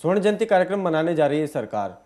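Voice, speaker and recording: A man's voice: a little high, very animated, quick pace, a little mellow. A man conducting a comic mock interview, teasing his guest and playfully apologizing.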